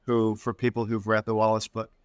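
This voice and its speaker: A man's voice: lowish voice, monotone, a little fast, clean tone, no echo. A man as the author guest in a casual interview chat, rambling and self-deprecating, often restarting his sentences.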